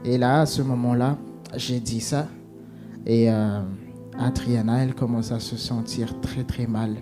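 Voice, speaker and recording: A man giving an emotional personal testimony, halting with many restarts and fillers, acting out what was said. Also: mid-range voice, fairly even intonation, music in the background.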